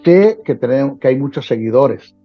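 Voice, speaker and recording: A man's voice: medium pitch, animated, normal speed. A man, a Bible teacher talking as a guest in a preaching style, repeating phrases for emphasis. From Venezuela. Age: 60s. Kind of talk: preaching-style interview talk. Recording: dull lo-fi sound with faint music.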